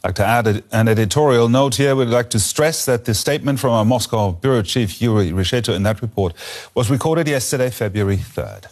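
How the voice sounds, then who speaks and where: A male news anchor reads the bulletin in a crisp, scripted manner. His voice sits in an ordinary middle pitch, and he hands over to a correspondent with a clear, steady cadence. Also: a little fast. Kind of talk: news presenting.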